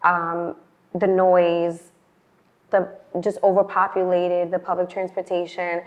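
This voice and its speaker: A woman's voice: fairly low pitch, little pitch movement, takes it slowly. A woman, talking as a podcast guest in a casual, chatty way and filling her speech with "like". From the Bronx, New York. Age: late 20s. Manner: chatty, frequent "like" fillers. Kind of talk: casual interview chat. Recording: dull lo-fi sound.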